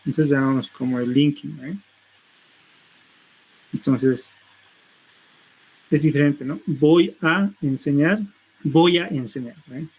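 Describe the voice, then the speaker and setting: A man's voice: medium pitch, steady tone, takes it slowly, vocal fry, pauses often, a little mellow, breathy edge, poor audio. A middle-aged man teaching a university seminar, explaining step by step and tagging his phrases with a questioning "no?". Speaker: linguistics lecturer.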